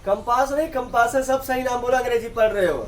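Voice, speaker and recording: A man's voice: extremely high pitch, fast talker, a little mellow. A male English teacher in a classroom, teaching in call-and-response and repeatedly quizzing students with either-or questions. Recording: distant classroom recording with student chatter.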